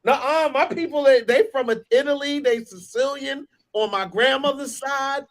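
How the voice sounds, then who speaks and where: A man's voice: extremely high pitch, normal speed, pitched above the performer's own voice. A man putting on the voice of a young woman who insists on her Italian roots, indignant and insistent.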